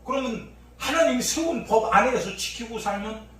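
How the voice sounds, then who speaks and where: A male pastor preaching an impassioned sermon, swinging from low murmurs to shouts, recorded in a church sanctuary during an evening service. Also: animated, normal speed. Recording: echoey church hall from far off, faint noise.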